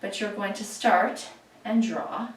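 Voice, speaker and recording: A woman's voice: medium pitch, steady tone, takes it slowly. A woman leading a home workout, chatty and playful, cueing moves in a sing-song voice. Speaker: fitness instructor. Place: room at home. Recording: echoey room, voice from far off.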